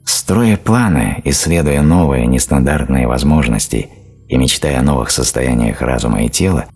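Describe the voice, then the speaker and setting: A man narrating a self-help audiobook in a steady, explanatory reading style. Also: extremely low pitch. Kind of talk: scripted narration.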